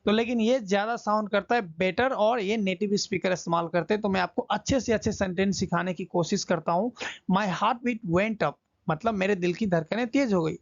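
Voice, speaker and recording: Male English teacher, gravelly, chatty, repeats phrases slowly; dull lo-fi audio. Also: high-pitched, dry recording. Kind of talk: Hindi English lesson, explaining a story line by line.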